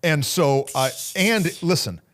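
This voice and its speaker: A man's voice: fairly high pitch, animated, slow pace, fairly bright tone. A man in his thirties, a pastor co-hosting a casual podcast, telling a joking story and acting out his own lines. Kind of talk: casual chat.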